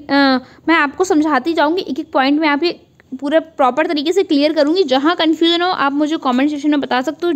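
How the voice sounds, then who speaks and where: High-voiced woman teaching an online class. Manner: repeats key points as quiz questions, then answers them; mixes English words into Hindi. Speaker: online exam-prep teacher. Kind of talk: online lecture.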